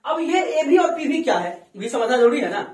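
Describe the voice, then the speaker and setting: A woman's voice: sits high, big pitch swings, a little fast, darkish tone. A woman teaching a grammar lesson in a classroom, drilling the students with questions and call-and-response. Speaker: English teacher. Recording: echoey classroom from far off.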